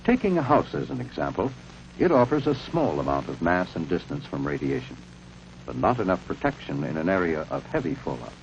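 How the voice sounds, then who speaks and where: Deep-voiced American man, vintage film narrator. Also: big pitch swings. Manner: measured, authoritative, instructional. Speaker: documentary narrator. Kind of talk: 1950s civil defense film narration, scripted. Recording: muffled, noisy vintage film soundtrack.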